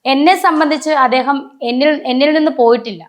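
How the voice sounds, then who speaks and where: A woman's voice: sits high, fast. A woman in an emotional personal interview, telling stories and acting out the voices of the people in them, often stopping to correct herself. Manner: animated storytelling, acting out quoted voices; frequent restarts and self-corrections.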